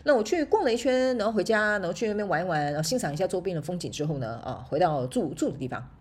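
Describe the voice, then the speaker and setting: A woman's voice: fairly low pitch, animated, fast, darkish tone, slightly rough. A woman hosting a casual solo podcast, telling stories in a chatty way and laughing often. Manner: chatty storytelling, laughs often, tag particles. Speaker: podcast host and motivational speaker.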